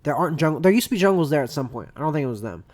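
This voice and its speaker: A man co-hosting a casual podcast chat who rants loudly, swears and jokes around. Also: on the high side, sing-song, rapid-fire. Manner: loud, joking, profane rants with mock voices. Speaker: podcast co-host.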